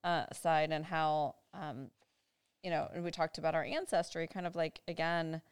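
A woman's voice: low-pitched, fairly even intonation, moderate pace, smooth, no echo, clean studio sound. A woman co-hosting a casual chat, reading passages aloud and discussing them with fillers. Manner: reads aloud, then chats with fillers. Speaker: co-host.

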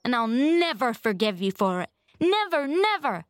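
Storybook role: woman as indignant orphan girl, hot-tempered, choked, very high and emphatic. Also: very animated, normal speed, dry recording, clean studio sound. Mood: furious, hurt. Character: angry, wounded, fiery young orphan girl.

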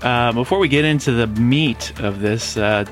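A man hosting a podcast as a pastor, interviewing a guest with a halting, filler-heavy way of talking. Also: medium pitch, soft background music. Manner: halting, many fillers and restarts. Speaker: host and lead pastor.

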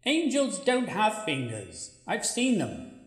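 A woman's voice: medium pitch, wildly swooping pitch, takes it slowly. A woman voicing the blunt, sulky ghost of a plain young woman, with curt, needling replies in a radio play. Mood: deadpan. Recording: echoey, roomy sound.

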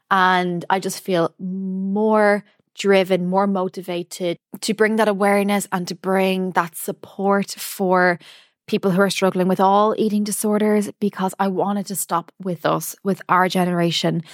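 A woman's voice: mid-range voice, dry recording. Lady doing a solo podcast, earnest and emphatic, really dry close mic. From United Kingdom. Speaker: podcast host, dietitian. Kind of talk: solo podcast talk addressed directly to the listener.

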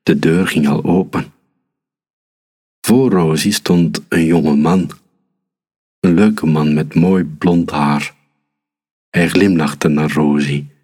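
A man reading a children's story aloud, calm and unhurried. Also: extremely low pitch, breathy edge.

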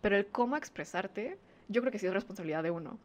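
A woman's voice: medium pitch, expressive, quick pace. Chatty woman in her twenties. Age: 20s. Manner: chatty, many fillers, laughs often. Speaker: podcast co-host. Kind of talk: casual chat.

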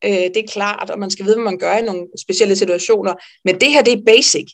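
A woman midwife telling a personal story in an interview, lively and animated, with frequent fillers. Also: mid-range voice. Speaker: midwife guest.

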